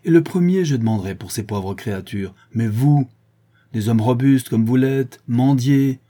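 A man reads a stern young poacher who speaks with measured, commanding firmness, in a dark, husky voice. It is an audiobook character, close to the reader's own voice. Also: mid-range voice, natural voice. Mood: reproachful. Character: strong, stern young poacher, firm and cold.

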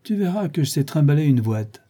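A man voicing a rough, swaggering coachman who boasts in thieves' slang. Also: on the high side, very animated, fairly quick, warm tone, pitched above the performer's own voice.

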